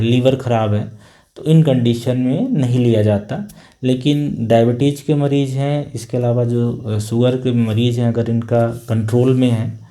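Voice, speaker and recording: A middle-aged male doctor gives an explanatory health talk in a warm, mellow voice of ordinary pitch. He's calm, patient and plain-spoken, unhurried, with the occasional filler pause as he thinks.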